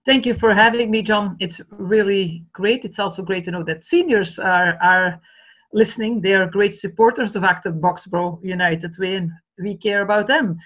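A woman's voice: medium pitch, normal speed, fairly bright tone, rough recording. A woman in her fifties from Belgium with a Flemish Dutch accent, a native Dutch speaker, talking earnestly on a video call from a home study. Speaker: charity director. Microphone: laptop webcam video call.

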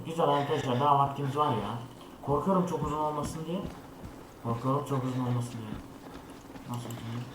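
A young man narrates a horror game for his viewers. His voice sits somewhat high, and he talks in a jumpy, nervous way, calling out whatever he finds. The recording is roomy and echoey, with clear noise underneath. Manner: jittery, talks to viewers, frequent scared remarks. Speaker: gaming channel host. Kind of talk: horror game let's play commentary.

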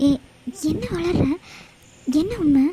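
A woman's voice: very high-pitched, takes it slowly, noisy background. A woman voicing a young cartoon friend who scolds and worries in an exasperated way. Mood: scolding. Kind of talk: cartoon voice acting.

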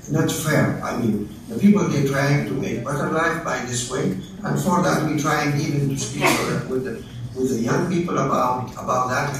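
Guy talking haltingly at a panel, really echoey room, recorded from far off. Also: mid-range voice, a little hiss or hum. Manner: halting, with non-native grammar. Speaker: panel speaker. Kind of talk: public talk at a panel. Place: lecture room. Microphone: far camera.

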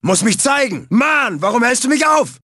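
A man voicing a big, brash, dim-witted bandicoot bruiser for a cartoon video game, cocky, shouty and taunting in a raspy voice. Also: very high voice, sing-song, normal speed, no echo, studio quality, full character voice. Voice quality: raspy, gravelly. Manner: cocky, shouty, taunting, third-person bragging.

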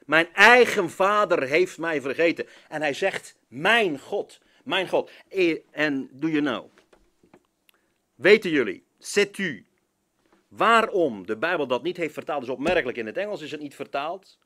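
Pastor from preaching, slow and lively, hits every word hard. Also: male voice, on the high side. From Zeeland, Netherlands. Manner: switches between Dutch, English and French, emphatic preaching. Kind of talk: sermon.

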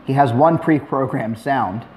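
A middle-aged man narrating a hands-on tutorial in a relaxed, plainspoken way, with dry asides. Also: medium pitch, measured pace, heavy background noise. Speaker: maker demonstrating a robot build.

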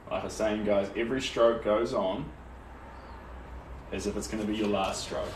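Painting live in a small indoor studio, this young Tauranga man speaks with a New Zealand accent in a lowish, steady voice at normal speed, reading out comments in a relaxed, encouraging way. A camera or phone a few steps off picks up a roomy, distant sound and faint noise.

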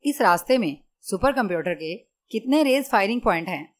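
A ruthless male secret agent, read by a woman in an audiobook, cold and clipped. Each command is given flatly and without warmth, as an interrogator who expects answers. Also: medium pitch, moderate pace, lightly acted.

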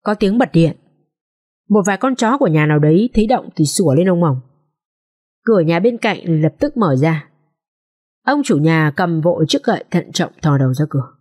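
Expressive female audiobook narrator. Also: on the low side, normal speed, pauses often, breathy edge. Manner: steady, expressive storytelling. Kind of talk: dramatic story narration.

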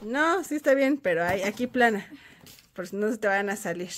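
A woman's voice: medium pitch, animated, brisk, very noisy. A woman, hosting a casual family vlog at home as a mother, patiently walking her children through each step. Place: home bedroom.

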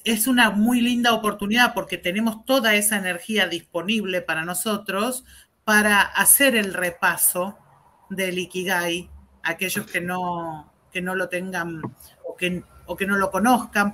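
A co-host, sounding sharp and bright. This speaker talks casually and hesitantly, pausing and restarting often. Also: medium pitch, a little hiss or hum. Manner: hesitant, many fillers and restarts. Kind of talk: casual chat.

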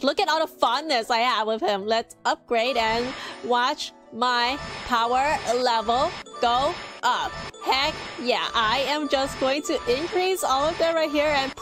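Young woman, excited anime fan, gushing cutesy gameplay commentary, high voice, soft background music. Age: young adult. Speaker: gaming streamer. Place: small indoor room with plush toys.

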